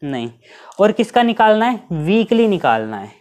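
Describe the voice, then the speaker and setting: A man's voice: high-pitched, big pitch swings, a little mellow. A male teacher giving an exam-prep math lesson, explaining each step and asking his students rhetorical questions. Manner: reads English questions slowly, mixing Hindi and English.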